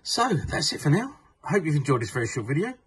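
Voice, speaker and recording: A man's voice: on the high side, very animated, fast, husky. A man presenting a toy shop's unboxing video, talking unhurriedly with many fillers as he reads box labels aloud. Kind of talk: unboxing product walkthrough. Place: indoors at a tabletop, off camera.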